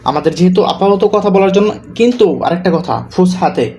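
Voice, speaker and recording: A man teaching spoken Arabic, slowly repeating each example word as he explains his course notes. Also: sits high, lively intonation, mellow, slight background noise.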